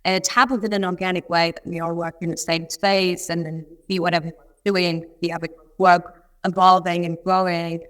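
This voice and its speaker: Lower-pitched woman on a video call. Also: flat delivery, normal speed. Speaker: artist in residency, interview guest. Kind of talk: reflective interview answers on a video call. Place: remote art residency studio, on a video call.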